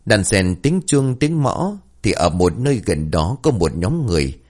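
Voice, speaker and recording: A man narrating a scripted ghost story in a steady, expressive way. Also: lowish voice, measured pace.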